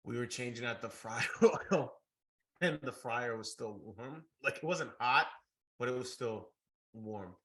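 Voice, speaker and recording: A man's voice: mid-range voice, a little slow, low-quality recording. A man in his thirties, a podcast co-host, talking bluntly and teasing his friends in casual chat. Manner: blunt, teasing, animated storyteller.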